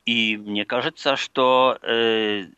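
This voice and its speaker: A man's voice: medium pitch, fairly even intonation, sharp tone, clear, resonant tone, no echo, highs cut off. A man from Poland with a Polish accent, calling in to a live show and searching for words in a language not his own. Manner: halting, searching for words in non-native Russian. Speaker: phone-in caller. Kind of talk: live radio call-in conversation.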